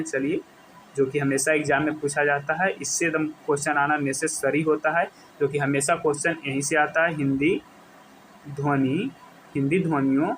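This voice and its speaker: A man teaching a Hindi grammar lesson for exam prep, asking questions and answering them himself, and slowly stretching words out as he goes. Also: a little high, a bit bright, a little hiss or hum, rough recording.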